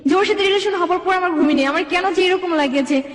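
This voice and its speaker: In a reverberant, echo-filled recording, a young woman with a very high voice races through her life story at a quick pace, offering a detailed, run-on retelling full of reported speech.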